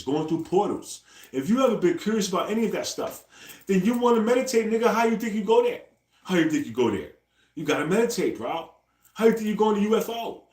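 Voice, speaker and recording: A man's voice: sits high, a little mellow. Slangy forties man saying "bro" nonstop. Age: 40s. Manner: loose slangy talk, ends nearly every phrase with "bro"; repeats himself, talks straight to his viewers. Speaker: livestreamer. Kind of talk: casual live-stream chat. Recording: echoey room.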